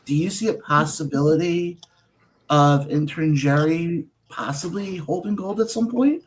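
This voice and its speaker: A man's voice: fairly high pitch, unhurried, poor audio. Chatty male radio show host. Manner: chatty, telling stories with quoted dialogue. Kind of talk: casual interview talk.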